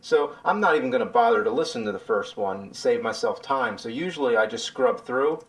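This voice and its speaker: A relaxed man giving a casual behind-the-scenes walkthrough of his editing process. He rambles loosely and leans on fillers as he goes, at an ordinary, mid-range pitch. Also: brisk. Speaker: video creator explaining his editing.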